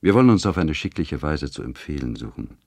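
A man's voice: very deep voice, very animated, brisk, no echo, voice pushed down, exaggerated voice. A man reading the lines of a polite, cautious English lord in a novel. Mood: concerned.

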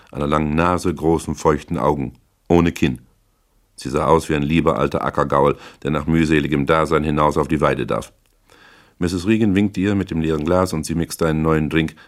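Male narrator with a deep, low voice for a hardboiled audiobook; dry, laconic first-person telling. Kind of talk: audiobook reading of a hardboiled novel.

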